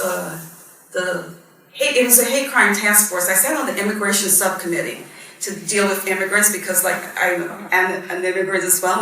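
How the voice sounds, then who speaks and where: This lowish, sharp-toned voice belongs to a woman in her fifties who was born in Guyana and raised in Barbados. As a judge on a panel, she tells a personal story in an earnest, reflective manner, full of ums. The mic sits at a distance in an echoey hall, picking up faint noise.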